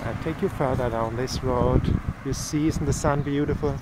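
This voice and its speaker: This mid-range male voice, at normal speed, comes from a German-native vlogger on an evening walking tour through a town street. Holding his phone, he chats cheerfully and shows viewers around as traffic noise from passing cars runs underneath.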